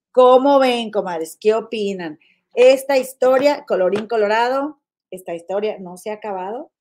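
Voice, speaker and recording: A woman hosting a casual live podcast, chatting affectionately with her viewers, full of diminutives and "comadre". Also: medium pitch. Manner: frequent fillers and restarts, animated swings in loudness. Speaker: live-stream podcast host. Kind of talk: casual live chat reading viewer comments.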